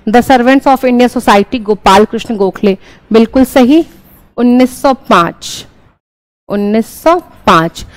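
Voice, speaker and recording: A woman's voice: fairly high pitch, slow pace, dry recording, low-quality recording. A young woman teaching an exam-prep class, explaining each answer step by step and often checking in with her listeners. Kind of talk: exam-prep lesson, solving questions.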